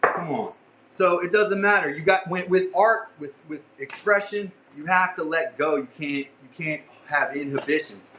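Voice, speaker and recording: A man's voice: on the high side, moderate pace, sharp tone, reverberant, slight background noise, low-quality recording. A man who is a guest on a casual podcast, talking in a laid-back, rambling way with lots of "you know" and "man.".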